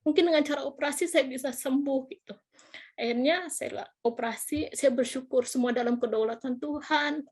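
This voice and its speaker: A woman's voice: fairly high pitch, a little mellow, slightly rough. A middle-aged woman, earnestly and gratefully telling her personal testimony in an interview. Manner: earnest, grateful, fillers of gitu. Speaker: testimony guest.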